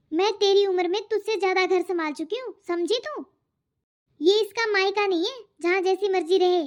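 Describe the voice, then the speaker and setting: A woman voicing a nagging, harsh middle-aged mother-in-law in a cartoon, talking in a taunting, scolding way. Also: extremely high pitch. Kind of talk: cartoon voice acting. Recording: dull lo-fi audio.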